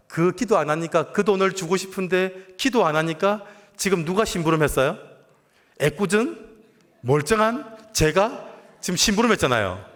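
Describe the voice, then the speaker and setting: A male pastor preaching a sermon in a conversational storytelling way, often asking the congregation questions. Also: a little high. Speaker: guest pastor. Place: church sanctuary. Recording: long church reverb.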